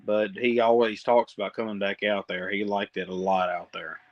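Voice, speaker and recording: A man's voice: on the low side, little pitch movement, normal speed, no echo, lo-fi sound. A man with a Southern US drawl, talking in a blunt, teasing way in casual chat.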